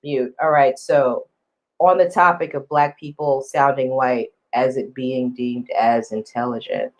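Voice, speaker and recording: A woman's voice: a bass voice, steady tone, measured pace, low-quality recording. A woman hosting a casual online chat who talks in a blunt, profane, emphatic way. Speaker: host.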